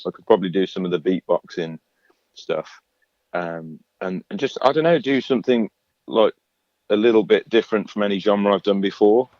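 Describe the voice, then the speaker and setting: An English singer-songwriter, appearing as a radio interview guest, chats in a relaxed way with a low voice at normal speed. His speech is full of fillers and restarts. The sound is lo-fi with no echo.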